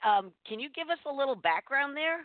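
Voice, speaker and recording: A man's voice: extremely high pitch, expressive, fairly quick, no echo. A man hosting a radio interview show, presenting and putting questions to guests. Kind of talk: scripted introduction and casual interviewing. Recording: thin, dry phone-like radio sound.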